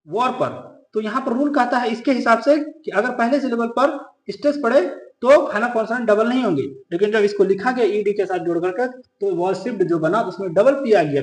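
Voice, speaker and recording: Guy teaching english grammar, high voice, asks n answers his own questions, slows down on the rules, echoey room. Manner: drills students with quick questions he answers himself; repeats key rules slowly for emphasis. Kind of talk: grammar lesson explained in Hindi.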